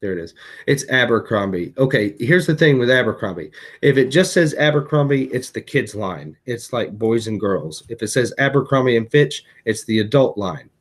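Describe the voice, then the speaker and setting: An eBay reseller, exhausted and hiccuping late at night, chats casually on his vlog about what he has resold. He speaks in an expressive mid-range voice at a moderate pace, often using fillers and correcting himself.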